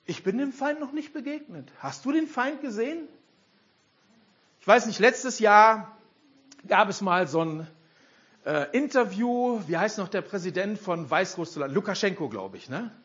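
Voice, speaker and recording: An older man preaching a sermon, animated and throwing rhetorical questions at the congregation. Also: high voice, unhurried, long pauses, breathy edge. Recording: dull lo-fi sound.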